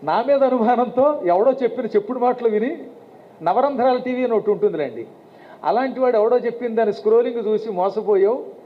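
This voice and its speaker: A man's voice: very high voice, a little fast. A man in his fifties voicing an exasperated seventy-year-old Brahmin husband who explains patiently in a story. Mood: explaining. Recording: tinny phone-like sound, faint hiss.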